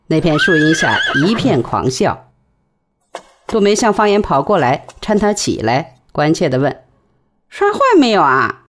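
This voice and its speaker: A woman narrating a novel in an expressive storytelling manner. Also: low-pitched, moderate pace. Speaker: audiobook narrator. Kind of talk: novel reading.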